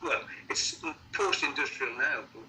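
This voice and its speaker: A middle-aged or older man with a Sunderland accent, chatting casually as an interviewed musician, halting and repeating words as he thinks. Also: medium pitch, lively intonation, bright, forceful tone, slight background noise, rough recording. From Sunderland, North East England.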